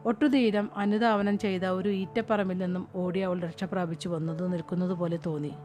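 A woman narrating a novel as an audiobook, reading in a measured, steady way. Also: on the low side. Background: music.

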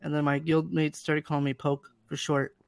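A man's voice: fairly high pitch, level tone, normal speed, gravelly, dry recording. A man in casual podcast chat, hesitant and stammering, repeating his words.

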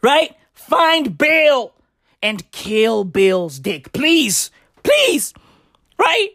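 A woman on a profane comedic rant with frat-bro slang, swinging between shouts and low asides and often checking in with short tag words. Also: very animated, very slow, dry recording, studio quality. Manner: frat-bro slang delivery, repeated "bruv", "right?" and "legit".

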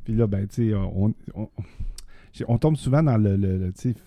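A man's voice: on the low side, moderate pace, vocal fry, warm tone, no echo. A middle-aged man with a Québécois accent, chatting casually and rambling with many restarts. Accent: Québécois French. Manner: rambling, many restarts and fillers, laughs often. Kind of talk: casual chat.

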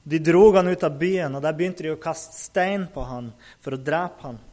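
A man with a somewhat high voice retells a Bible story in a relaxed, unscripted way. He pauses with fillers and restarts as he goes. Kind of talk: casual Bible story narration.

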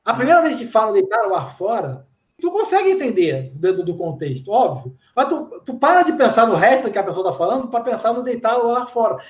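A man from Brazil with a Brazilian Portuguese accent, chatting casually as an interviewee, slangy and full of anecdotes and quick asides. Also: very high-pitched, very animated. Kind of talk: casual chat. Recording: echoey room.

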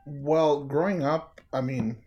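Young new york dude guest, bit high voice, animated, does little voices for quotes. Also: male voice, slow pace, lo-fi sound. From United States, New York. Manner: animated storyteller, acts out quotes. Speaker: guest, worship musician. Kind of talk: casual interview chat.

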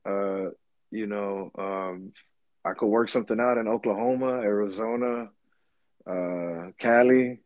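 A laid-back comedian chatting casually, swearing often and trailing off with fillers. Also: male voice, on the low side, fairly even intonation, a little slow, no room sound, lo-fi sound. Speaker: comedian guest. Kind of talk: casual podcast chat.

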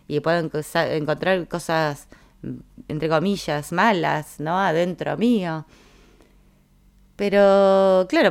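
A woman with a Rioplatense Spanish accent talks casually and reflectively to her listeners. Her voice sits a little low, and she muses aloud with pauses and fillers. She acts out quoted bits of dialogue in a higher voice. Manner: musing, thinking aloud with fillers. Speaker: speaker on personal growth. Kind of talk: reflective casual talk to an audience.

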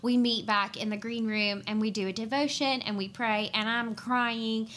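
An earnest young woman shares her personal story as a podcast guest, speaking from the heart. She talks with an emotional, unpolished flow, often stopping to gather herself with a soft "um". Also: on the high side, steady tone. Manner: earnest and emotional, with frequent "um" pauses. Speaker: podcast guest, worship leader and pastor's wife.

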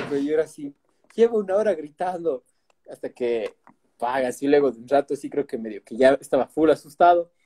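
A man's voice: fairly high pitch, noisy background. A man with an Ecuadorian accent, a comedian in casual chat, joking around with crude slang. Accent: Ecuadorian Spanish.

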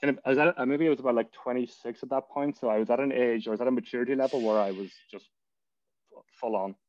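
A man's voice: medium pitch, fairly even intonation, fast talker, darkish tone, dry recording, highs cut off. A man with a Donegal, west of Ireland accent talking casually as an interview guest, rambling as he thinks aloud. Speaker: interview guest, tech business founder. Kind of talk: casual interview talk about work and life.

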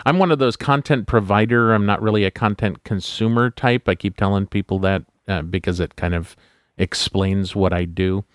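A man hosting a podcast interview, talking in a relaxed, halting way. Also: on the low side, no echo, clean studio sound. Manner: relaxed, halting, lots of fillers. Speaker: podcast host. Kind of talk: casual interview chat.

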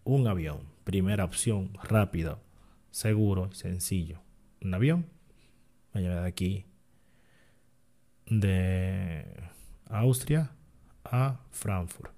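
A man's voice: sits low, slow, pauses often, dark tone. A man, an online seller talking to his channel in a casual, rambling way that often stops to correct himself. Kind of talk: casual vlog monologue.

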